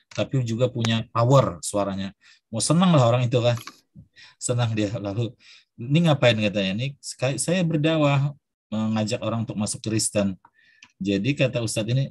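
Husky-voiced man teaching a class. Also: medium pitch, no room sound. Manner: lively storyteller acting out quoted dialogue. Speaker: Arabic teacher. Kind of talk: classroom lecture with storytelling.

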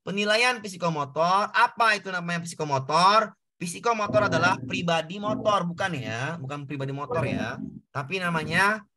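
A man's voice: high-pitched, moderate pace, bright, forceful tone. A man tutoring an online class, explaining exam answers step by step, repeating key points and addressing students directly.

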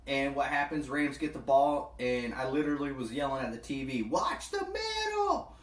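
A man giving football picks in a casual vlog, excitable and slangy, calling listeners "bro". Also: medium pitch, echoey room. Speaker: sports picks vlogger. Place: apartment.

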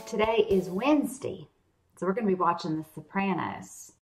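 Gravelly Southern American mom. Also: female voice, medium pitch, moderate pace, faint music behind. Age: middle-aged. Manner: chatty and joking, with frequent laughs. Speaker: reaction video host. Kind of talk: casual chat.

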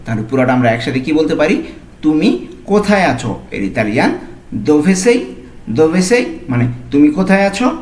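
A man teaching a language lesson, slowly repeating each phrase word by word. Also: fairly high pitch. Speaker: language tutor. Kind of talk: lesson narration. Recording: echoey room.

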